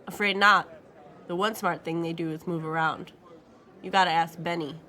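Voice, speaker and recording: A woman's voice: fairly low pitch, fairly even intonation, normal speed, sharp tone. A woman voicing an aging male thief and doting father with a Spanish accent, confident and teasing. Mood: coaxing.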